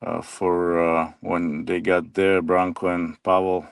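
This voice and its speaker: A man, a former hockey player reminiscing in a halting, soft-spoken way as an interview guest. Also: low-pitched, completely flat delivery, gravelly, clear, resonant tone, dry recording. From Slovakia.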